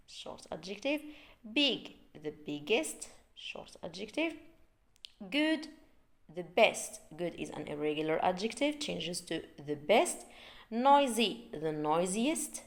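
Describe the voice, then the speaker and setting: Slow-speaking woman teaching English grammar. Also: fairly low pitch. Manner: slow, drawn-out, repeats words for learners. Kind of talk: online English grammar lesson.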